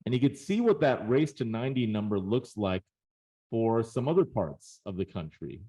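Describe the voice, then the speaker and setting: A man's voice: medium pitch, animated, normal speed, warm tone, low-quality recording. A man presenting data in a webinar, explaining charts in a casual, conversational way with frequent fillers.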